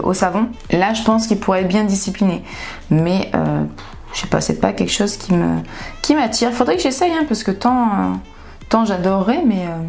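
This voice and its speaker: A woman beauty vlogger with a medium-pitched, darkish, groggy morning voice chats casually through a makeup tutorial. She's candid, often trailing off mid-sentence and starting over.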